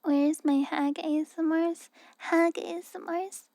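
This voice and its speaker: A woman livestreamer chatting casually in a naturally soft, cute anime-girl voice, gentle and often close to a whisper. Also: extremely high pitch, fairly even intonation, unhurried, no room sound.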